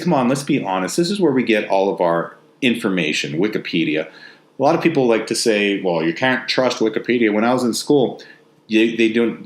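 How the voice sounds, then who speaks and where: A man with a West Texas accent talking casually in a rambling, conversational monologue, telling anecdotes in a self-deprecating way. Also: lowish voice. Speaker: novelist and host. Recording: roomy, echoey sound.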